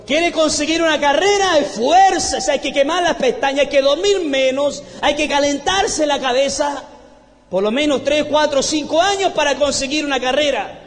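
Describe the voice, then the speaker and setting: Male Chilean pastor, impassioned high-pitched shouting delivery, reverberant hall with music behind. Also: moderate pace. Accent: Chilean Spanish. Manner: impassioned, often shouting praise. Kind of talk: fervent preached sermon.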